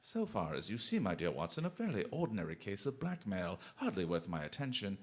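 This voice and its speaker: In this radio drama, an actor's English gentleman detective is brilliant, playful and sure of himself, speaking in eloquent exclamations. His exaggerated, low-sitting voice swings hugely in pitch as he briskly explains matters.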